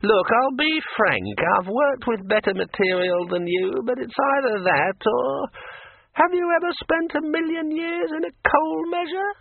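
A man voicing a chatty, bossy talking magic sword with a high, ringing voice and a pushy, self-important drawl. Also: measured pace, vocal fry, no room sound, heavily acted. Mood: pushy, breezy. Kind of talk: audiobook character voice. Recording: tinny dry radio recording.

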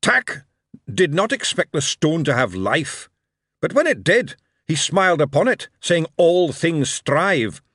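Brief: male narrator as a zealous dwarf elder, preaching and scolding, high and lively. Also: a little slow, no echo, studio quality, exaggerated voice. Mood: fervent. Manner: raised, preaching tone.

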